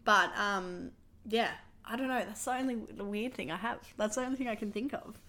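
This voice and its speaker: A woman's voice: mid-range voice, brisk, sharp tone. A young adult woman, hosting a podcast in casual, chatty, confessional talk, her voice a little worn as she loses it. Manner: chatty, filler-heavy, confessional. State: losing her voice. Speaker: podcast host.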